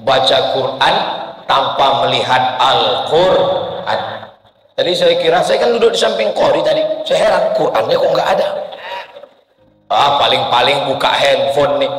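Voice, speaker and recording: A man's voice: a little high, pushed and bright. A man preaching a humorous mosque sermon, breaking into chanted prayers. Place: mosque hall. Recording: echoey hall reverb.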